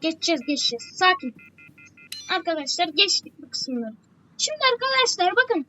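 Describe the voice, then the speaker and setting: A woman's voice: very high-pitched, very animated, moderate pace, sharp tone, a little hiss or hum, low-quality recording. A woman giving a chatty game walkthrough, repeating her warnings again and again. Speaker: gameplay walkthrough host. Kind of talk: casual game tutorial commentary.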